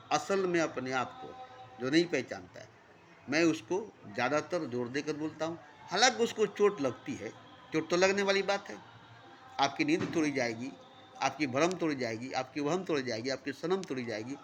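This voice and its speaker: A man's voice: on the high side, fairly bright tone, slight background noise. A man delivering a spiritual sermon in repetitive, rhythmic phrases that rise and fall in emphasis. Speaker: spiritual teacher.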